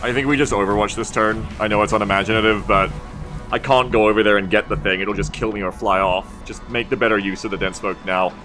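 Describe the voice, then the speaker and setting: A man live streams a video game, his fairly low voice steady in tone but quick, pushed and bright as he thinks aloud in a wry, rambling, sweary way. It's casual live gameplay commentary, with music and tactical game audio playing behind him.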